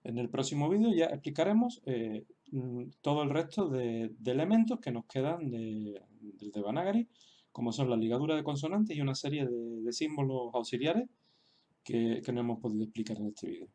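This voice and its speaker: A man teaching a lesson over on-screen writing, speaking hesitantly with many fillers and repeated words, and sounding out example words slowly and carefully. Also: mid-range voice, expressive, dark tone. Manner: slow, careful example pronunciations.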